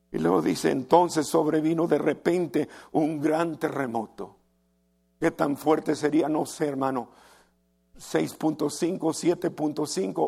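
A man's voice: a little high, a little mellow. A man preaching an impassioned sermon, often addressing listeners as brother and acting out the voices in the stories he tells. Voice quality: gravelly, husky voice. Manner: impassioned preaching, calls listeners "hermano", acts out quotes. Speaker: pastor.

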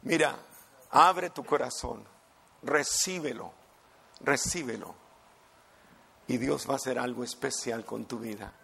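A man's voice: mid-range voice, unhurried, vocal fry, long pauses, fairly bright tone, slightly rough. An older man, a pastor telling stories emphatically in a sermon. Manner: emphatic, storytelling preacher. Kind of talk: sermon storytelling.

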